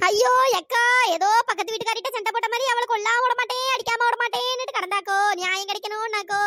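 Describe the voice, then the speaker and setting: A voice actor voicing a timid, gossiping village woman in a cartoon story, fretful and wailing, with a pitch-raised voice. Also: steady tone, fast, very noisy. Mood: pleading.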